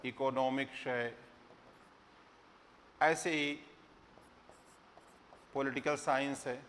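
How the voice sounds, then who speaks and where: A man's voice: mid-range voice, fairly even intonation, drawn-out words, a bit bright, slight background noise. A middle-aged man teaching exam candidates, explaining with rhetorical questions and recited verse. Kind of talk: lecture to exam students. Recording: long hall reverb.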